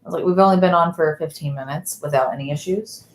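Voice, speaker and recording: A woman's voice: deep voice, fast talker. A woman co-hosting a live podcast, chatting casually and rambling as she searches for words. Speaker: podcast co-host. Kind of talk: casual live-stream chat. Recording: roomy echo.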